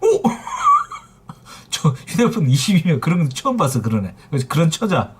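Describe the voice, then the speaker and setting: A man's voice: fairly high pitch, huge pitch swings, unhurried, a bit bright, slightly rough. A middle-aged man running a phone repair shop livestream, telling heated stories in a blunt, profane way. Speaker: phone repair shop owner streaming live. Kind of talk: casual livestream rant.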